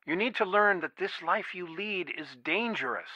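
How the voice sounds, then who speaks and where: An actor voices a worried, protective middle-aged father in a video game, earnest and pleading on one side of a phone call, the mood wistful and tender. His high-pitched voice is lively and sharp at a moderate pace, a full character performance in naturalistic dialogue. The dry recording is band-limited to sound like a telephone.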